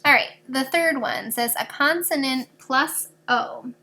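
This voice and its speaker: A woman's voice: high-pitched, slow, pushed and bright. A woman teaching a fourth grade class in a recorded video lesson, patiently explaining grammar rules step by step with examples.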